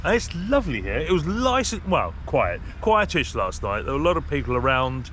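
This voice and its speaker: A man's voice: on the high side, sing-song, fairly quick, a bit bright, slight background noise. A man talks casually to camera as a travel vlogger, in an understated, matter-of-fact way.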